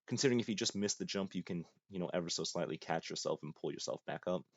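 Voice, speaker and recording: A young man with a very deep voice talks through a game in a dry, self-mocking way, half muttering to himself. The sound is dull and lo-fi, close and dead dry with no room around it. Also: quick pace, no echo. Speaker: gaming YouTuber. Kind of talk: casual gameplay commentary.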